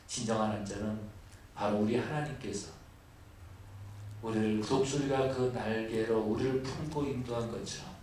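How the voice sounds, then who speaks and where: A man preaching a sermon as pastor, moving from quiet, low asides to loud, high, emphatic lists. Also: a little hiss or hum. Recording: echoey hall, voice from far off.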